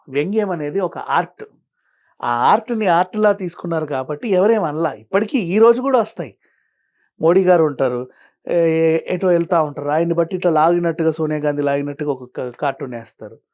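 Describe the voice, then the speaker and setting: A man answering as an interview guest, arguing his point with a stream of pointed rhetorical questions and shifting from calm explaining to heated. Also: fairly high pitch, fairly quick. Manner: argumentative, fires rhetorical questions. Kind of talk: studio interview.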